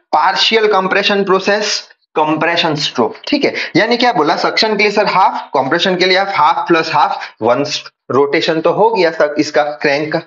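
A man's voice: a little high, a bit bright, lo-fi sound. A young man teaching an engineering class, asking questions and answering them himself, often repeating the key points. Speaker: engineering tutor. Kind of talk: whiteboard lecture.

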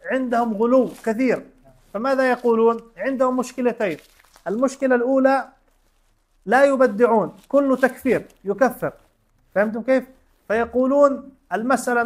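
A man teaching a religion class, explaining step by step with everyday examples and quizzing his students with short questions. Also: very high voice. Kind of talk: classroom lesson.

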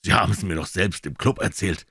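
A man reading a soft, insistent gentleman detective. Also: deep voice, brisk, gravelly, breathy edge, no echo, studio quality, heavily acted.

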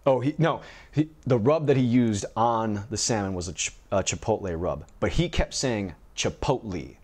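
Low-voiced joking man chatting. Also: normal speed, darkish tone. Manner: joking, storytelling, laughs often. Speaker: podcast host. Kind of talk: casual chat.

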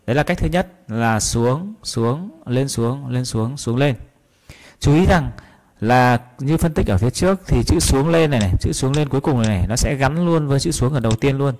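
A man from Vietnam teaching a guitar lesson, patiently calling out strum patterns and repeating them slowly. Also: medium pitch, expressive, darkish tone. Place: guitar class room.

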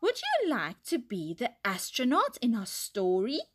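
A kind, patient primary teacher, as a woman reader puts her on, slow and gentle in a children's storybook. Her voice lifts lightly as she encourages the class. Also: on the high side, wildly swooping pitch, full character voice.

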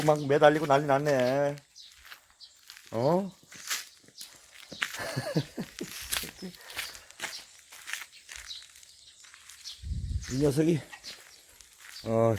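A man casually talking to his dogs and the camera, loudly coaxing and scolding them outdoors. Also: mid-range voice, a little hiss or hum. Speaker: channel host living in nature. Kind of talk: casual talk to dogs and viewers.

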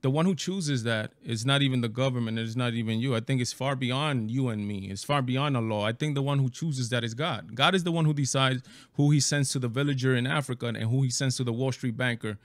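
A middle-aged man from the Dominican Republic, talking over a video call in a halting, emphatic way with many restarts, on a headset mic in a small room. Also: medium pitch, dry recording, clean studio sound. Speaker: show host. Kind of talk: casual debate on a video call. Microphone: headset and studio mic.

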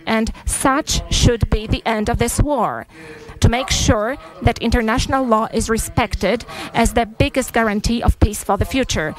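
A woman interpreting a press statement live into English, halting with frequent pauses and fillers. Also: on the high side, rough recording.

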